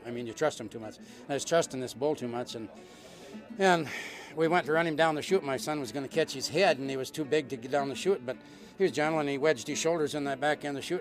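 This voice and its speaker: A man's voice: medium pitch, poor audio. A middle-aged man from western North Dakota, a cattle rancher, telling an unscripted anecdote in a folksy, repetitive way. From western North Dakota, United States. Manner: folksy, repeats phrases as he goes.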